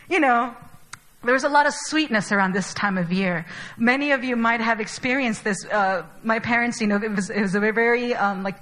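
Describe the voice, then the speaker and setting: A woman's voice: fairly high pitch, fairly bright tone, rough recording. A young adult woman from Chile giving a sermon in a casual, chatty way, with many fillers. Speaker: preacher.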